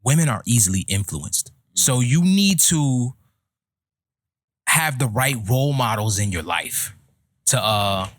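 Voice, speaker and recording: Brief: man, 30s, podcast host, mid pitch, dry close sound, opinionated and lecturing. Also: animated, no room sound. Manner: opinionated, lecturing, slow deliberate delivery. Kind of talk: casual podcast chat.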